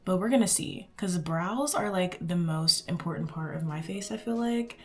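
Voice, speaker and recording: A woman's voice: lowish voice, normal speed, darkish tone. A woman in her twenties from Houston, chatting casually and rambling as she does her makeup for a beauty vlog. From Houston, Texas. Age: 20s. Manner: chatty, rambling, says "like" often. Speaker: beauty vlogger. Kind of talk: casual chat while doing makeup.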